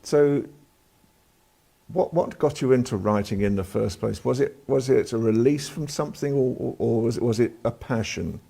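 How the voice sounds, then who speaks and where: A man's voice: medium pitch, moderate pace, vocal fry, dark tone. A man hosting a live TV interview, asking questions and often repeating words as he starts them.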